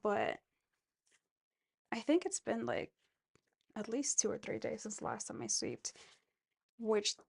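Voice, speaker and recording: A woman's voice: a little high, sing-song, slow pace, pauses often, a little mellow. A woman vlogging casually while she does chores, thinking aloud in a rambling way. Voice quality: gravelly vocal fry. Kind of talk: casual, rambling self-filmed chat while cleaning.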